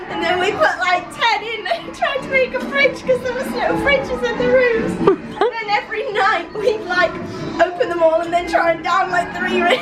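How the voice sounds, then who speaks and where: A woman telling a story casually among friends, giggling through it. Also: extremely high pitch.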